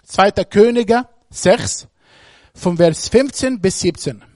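A man's voice: sits high, animated, takes it slowly, a little mellow, a little hiss or hum. A man preaching a sermon, speaking emphatically and putting questions straight to the congregation.

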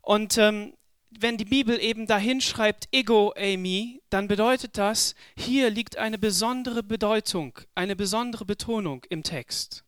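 A male preacher delivering a sermon with a high, smooth, resonant voice. He talks slowly and with emphasis, doubling words to drive each point home. The sound is dry, with no room echo. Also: fairly bright tone. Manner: slow, emphatic, repeats words for stress.

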